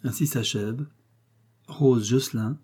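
A male audiobook narrator reads a classic story in a measured, steady way. His voice is dark and mellow, with a husky grain, and sits at an ordinary middle pitch.

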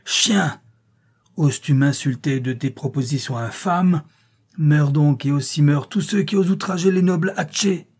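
A man acts out a proud sultan in a blind rage, his voice jumping high as he shouts. The tone stays dark and husky under the fury, a storybook ruler losing all composure. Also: moderate pace. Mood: enraged. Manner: furious, shouting. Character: enraged proud male sultan.

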